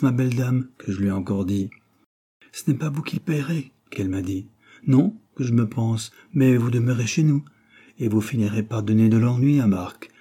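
A man's voice: mid-range voice, warm tone, husky, natural voice. A man voicing an angry, gossiping working-class landlady who scolds indignantly, in an audiobook reading. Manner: indignant, scolding, breathless storytelling.

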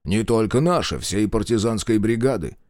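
A man doing a gruff scolding partisan commander. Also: lowish voice, expressive, moderate pace, dry recording, clean studio sound, natural voice. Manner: scolding, loud, raised. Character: gruff middle-aged male partisan commander, exasperated.

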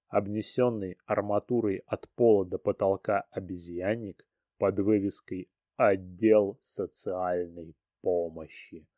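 Man narrating an audiobook, dark tone. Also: on the low side, no room sound. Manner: expressive, dramatic reading.

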